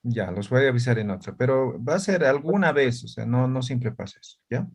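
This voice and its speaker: A man's voice: medium pitch, lively intonation, brisk, creaky, breathy edge. Patient man teaching a language class. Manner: patient, frequent "¿ya?" and "¿no?" checks. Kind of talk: online class explanation.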